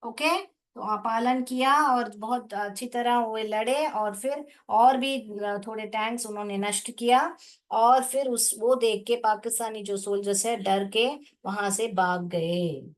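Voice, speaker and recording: A woman teacher, explaining a lesson slowly in Hindi, spelling words out syllable by syllable and asking the class questions that she answers herself. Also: a little high.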